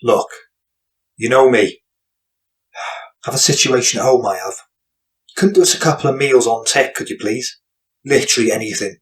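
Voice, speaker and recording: A woman playing a worn-down young man in an audiobook crime drama, speaking low and muttered. He sounds tired and stubbornly defiant. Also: normal speed, long pauses. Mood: pleading. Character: young man, poor older brother, weary and defiant.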